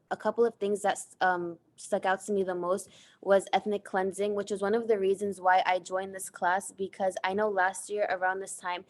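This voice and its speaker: A young American woman earnestly presents a class project, reading off her slides and using lots of filler words. Her voice is medium in pitch, and she is a student presenter.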